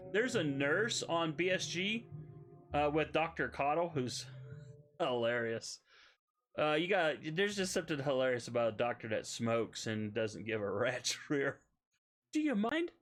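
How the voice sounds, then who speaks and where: A man's voice: mid-range voice, fairly bright tone. Chatty man streaming a game. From Southern United States. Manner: chatty, reads chat aloud, many hesitations. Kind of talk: casual live-stream chat.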